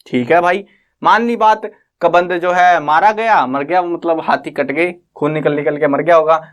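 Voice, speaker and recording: A man's voice: fairly high pitch, normal speed, fairly bright tone. Chatty man retelling a story lesson. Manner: chatty, retells with asides and fillers. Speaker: teacher. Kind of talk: casual story recap lesson.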